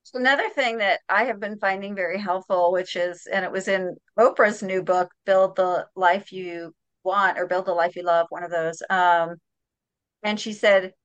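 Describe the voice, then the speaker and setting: A woman's voice: medium pitch, measured pace, smooth, no echo, dull audio. A woman hosting a live parenting session, upbeat and encouraging with her guest and the parents. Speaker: host.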